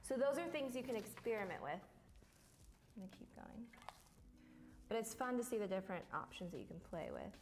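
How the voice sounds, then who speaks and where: A woman's voice: medium pitch, very animated, brisk, long pauses, darkish tone, soft background music. A woman giving a casual hands-on art lesson, explaining each step in an encouraging way. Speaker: lettering art teacher.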